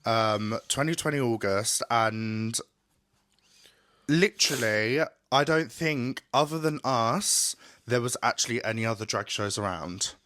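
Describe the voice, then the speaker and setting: Camp, animated young man. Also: mid-range voice, no room sound, clean studio sound. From Southend, Essex. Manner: camp, animated, quick bursts of speech. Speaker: drag podcast host. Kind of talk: casual chat.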